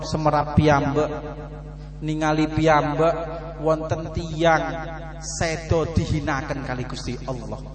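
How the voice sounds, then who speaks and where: A male preacher telling a story in a sermon, dramatic and swinging from hushed to loud, recorded in an echoey hall with a humming noise. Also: on the high side.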